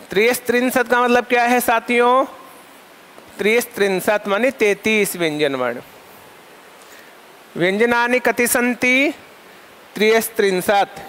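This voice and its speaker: A male Sanskrit lecturer teaches his class by posing questions and answering them himself, repeating terms in lists and slowly dictating definitions for notes. His voice is very high and a bit bright.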